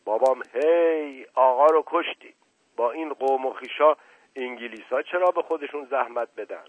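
Guy doing a loud rustic servant, worked up and yelling, thin phone-like sound. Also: medium pitch, no echo, natural voice. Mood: agitated shouting. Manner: shouting, agitated. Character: excitable rustic male servant, loud and loyal. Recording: narrow phone-like band, dry.

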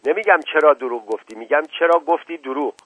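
A man voicing a bossy, suspicious police inspector who shouts his questions, on a dull lo-fi recording. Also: a little high, expressive, husky, no echo, pitched above the performer's own voice. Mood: accusing. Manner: barking, suspicious, interrogating.

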